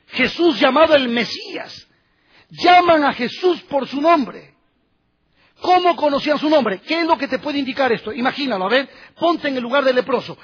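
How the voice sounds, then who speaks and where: A man delivers a sermon in an unusually high, breathy voice. He keeps turning to the congregation with rhetorical questions. The recording sounds muffled and lo-fi. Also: fairly bright tone. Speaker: preacher.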